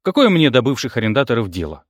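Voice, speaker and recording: A man's voice: medium pitch, sing-song, fast, dry recording, clean studio sound. A man reading an audiobook, voicing a stout, blunt middle-aged building manager who grumbles. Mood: gruff. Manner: gruff, unbothered and grumbling.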